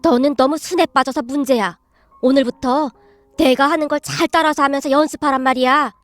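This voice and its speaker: A woman voicing a sharp, outspoken elderly grandmother in a storybook tale, arguing forcefully. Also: high voice, fairly even intonation, a little fast, dry recording, soft background music, close to an everyday voice. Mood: instructive.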